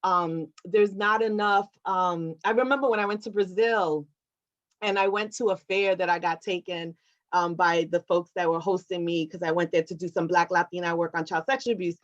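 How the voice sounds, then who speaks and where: A woman's voice: on the low side, fairly even intonation, normal speed, muffled recording. A woman from Puerto Rico, an activist answering a question in a talk, earnest and reflective, often checking in with "right?". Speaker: award recipient, activist. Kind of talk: conversational answer in an online talk.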